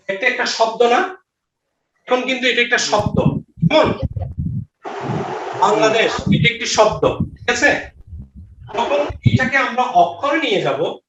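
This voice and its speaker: A man teaches grammar online in a very high, fairly bright voice, going over each question and answer twice and checking with his class. Slight background noise sits under the roomy, distant, dull lo-fi recording.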